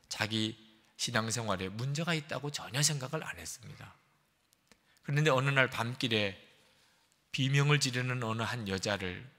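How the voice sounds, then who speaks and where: Lively male pastor in a reverberant church. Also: medium pitch, gravelly. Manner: earnest, emphatic storytelling with dramatic shifts. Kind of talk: sermon. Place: church sanctuary.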